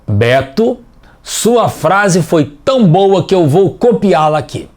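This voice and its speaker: A man leads a scripted children's lesson as the teacher. He speaks slowly and patiently in a fairly high voice. His pitch rises and falls a lot as he explains each point. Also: big pitch swings. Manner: clear, patient, explaining step by step.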